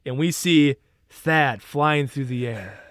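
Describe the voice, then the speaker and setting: A man narrating as game master in a relaxed, halting way with many fillers. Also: medium pitch, dry recording.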